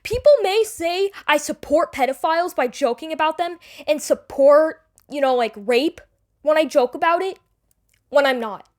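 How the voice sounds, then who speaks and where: A woman giving an unscripted, defensive personal explanation to an online audience, rambling and halting with repeated words and casual swearing. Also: high voice, animated, a little mellow. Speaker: online creator addressing the audience. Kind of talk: unscripted personal apology and self-defence video.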